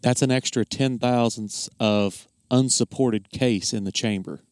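A man giving a casual technical explanation as a craftsman, plainspoken and folksy, often halting and repeating words. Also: mid-range voice, darkish tone, no echo, studio quality. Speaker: gunsmith explaining his craft.

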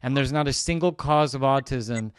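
A man's voice: mid-range voice, normal speed, smooth, no echo. A man hosting a podcast interview, talking casually and opinionated, with many restarts and self-corrections. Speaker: podcast host.

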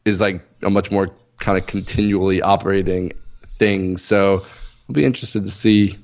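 A man co-hosting a podcast in relaxed chat, easygoing and agreeable. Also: low voice, moderate pace, vocal fry. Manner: easygoing, agreeable, short affirmations. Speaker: podcast co-host.

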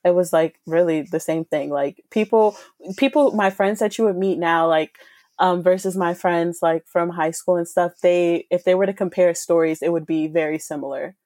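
A woman's voice: lowish voice, fairly even intonation, moderate pace, a little mellow, no echo. A woman in her twenties chatting casually, with many fillers and restarts. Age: 20s. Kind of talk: casual chat.

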